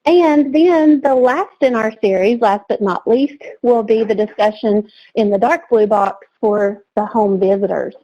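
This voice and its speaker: A woman's voice: fairly high pitch, a little slow, muffled recording. Bubbly woman presenting a webinar. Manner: energetic, chatty, laughs easily. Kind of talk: upbeat training webinar.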